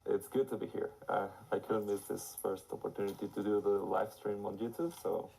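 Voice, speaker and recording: A studio director with a raspy, hoarse voice from being sick, talking casually on a livestream and rambling through his explanations. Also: fairly low pitch, level tone, fairly quick, low-quality recording. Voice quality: raspy from illness. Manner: rambling, restarts, explains warmly.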